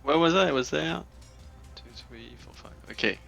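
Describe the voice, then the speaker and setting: A man playing a tabletop game, talking casually and haltingly. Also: fairly high pitch, gravelly, a bit bright, soft background music. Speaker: player.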